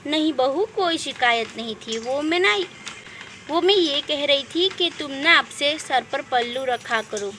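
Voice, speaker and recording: A woman playing a kind middle-aged mother-in-law who gives calm, soft advice. The voice is very high and bright. A faint hiss runs underneath. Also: a little slow, exaggerated voice. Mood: gentle. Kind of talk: doll story role-play.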